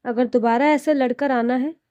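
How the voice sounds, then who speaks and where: A woman voicing a firm, wise middle-aged mother who speaks calmly and sternly. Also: high-pitched, moderate pace, no room sound, muffled recording, close to an everyday voice. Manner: calm, then stern.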